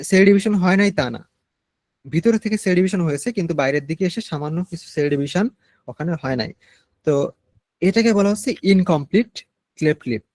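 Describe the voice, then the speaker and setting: A Bangladeshi Bengali-accented man teaching a nursing class, explaining slowly and mixing in English medical terms. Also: fairly high pitch, a little mellow, dry recording. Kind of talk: online class lecture.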